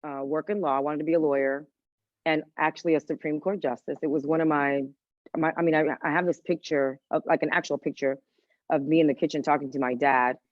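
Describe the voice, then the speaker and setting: A woman's voice: low-pitched, fairly even intonation, brisk, no room sound, lo-fi sound. A woman who grew up in Washington, D.C., a guest chef telling her story in a chatty interview and dropping in Spanish phrases. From Washington, D.C., United States. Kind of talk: casual interview conversation.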